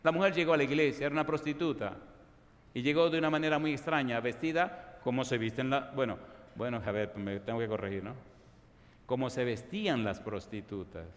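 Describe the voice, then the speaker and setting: A pastor preaching a sermon, asking the congregation repeated questions and building to fervent emphasis. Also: male voice, medium pitch, big-room sound. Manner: call-and-response questions, rising to fervent emphasis.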